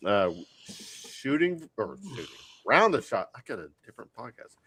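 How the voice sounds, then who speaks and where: A man's voice: medium pitch, sing-song, moderate pace, a bit bright, a little hiss or hum. A man hosting a sports podcast roundtable, teasing his panel and signing off the show. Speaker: podcast host. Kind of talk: casual podcast banter.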